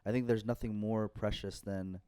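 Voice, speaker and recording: A man's voice: fairly low pitch, steady tone, normal speed, mellow, smooth, no room sound, studio quality. A young man hosting a casual podcast, mostly agreeing with short replies. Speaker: podcast host.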